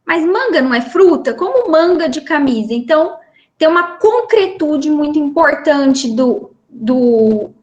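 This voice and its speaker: A woman physician with a Brazilian Portuguese accent delivers a medical lecture. Her voice sits high, and she explains things patiently, step by step. She often pauses on fillers and tag questions. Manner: explanatory, with frequent fillers and rhetorical "né?".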